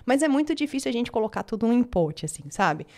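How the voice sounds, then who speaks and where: Mulher falando rápido, tom agudo. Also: female voice, fairly high pitch, big pitch swings, fast, a little mellow. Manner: chatty, many fillers and self-corrections. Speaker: English teacher. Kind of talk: casual online lesson.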